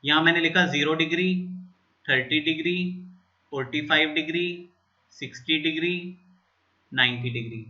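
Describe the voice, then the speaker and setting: A man's voice: a little high, moderate pace, pauses often, bright, forceful tone, dull audio. A man teaching a maths lesson at a board, going through steps and checking in with students often.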